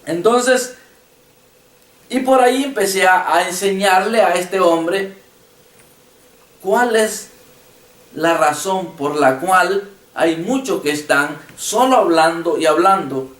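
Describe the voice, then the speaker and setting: A man's voice: high-pitched, takes it slowly, long pauses, a bit bright, echoey room, distant mic. A man preaching a passionate sermon as pastor, retelling conversations with his congregation. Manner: impassioned preaching with retold dialogue. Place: church.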